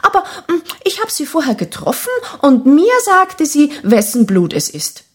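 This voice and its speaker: A woman doing a bright, lilting swallow. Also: high voice, very animated, normal speed, voice pushed up. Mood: sly, eager. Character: friendly quick-witted swallow, protective of humans.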